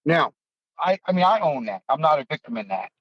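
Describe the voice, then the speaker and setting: This American podcast host, a man in his fifties, speaks a little high and a little fast, sounding very animated as he casually recounts a personal story with crude, self-deprecating bluntness. The recording is muffled but has no echo.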